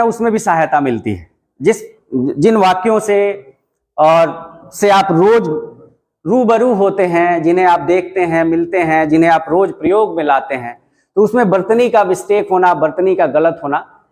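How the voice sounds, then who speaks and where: A man teaching a classroom lesson, explaining step by step and repeating points for emphasis, with a Bihari Hindi accent. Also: high-pitched. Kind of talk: classroom lecture. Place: classroom with a writing board.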